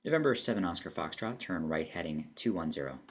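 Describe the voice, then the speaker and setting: Deep voiced guy playing air traffic controller, talks real quick. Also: expressive, breathy edge. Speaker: air traffic controller player and demo narrator. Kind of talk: clipped radio phraseology with casual commentary.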